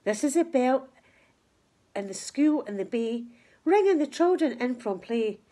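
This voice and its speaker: A high, animated, mellow female voice delivers a rhyming picture book to children at a measured pace. She reads like a teacher, with dramatic, emphatic phrasing throughout the expressive rhyming story.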